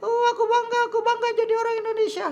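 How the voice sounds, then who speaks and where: A puppeteer voicing Kobon, a cheeky, silly child puppet in a kids church show. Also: male voice, completely flat delivery, racing, a little mellow, lo-fi sound. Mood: playful. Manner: squeaky, playful, teasing.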